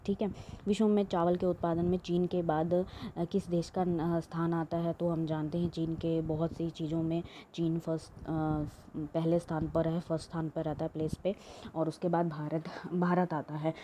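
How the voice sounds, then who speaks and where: A woman's voice: low voice, level tone, normal speed, dark tone, a little hiss or hum. A woman teaching an exam-prep lesson, reading questions aloud and explaining them with many fillers and restarts.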